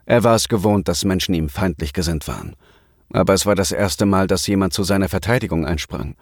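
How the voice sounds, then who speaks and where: Brief: male storybook narrator, low voice, even and measured, dry studio sound. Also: dry recording. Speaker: audiobook narrator. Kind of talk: scripted narration.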